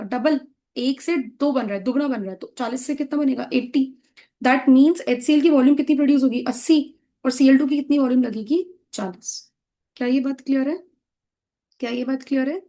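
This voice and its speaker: Woman teaching chemistry, patient, quizzes the class then answers, fairly high warm voice. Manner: patient, asks and answers own questions, calls students "beta". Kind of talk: classroom lecture.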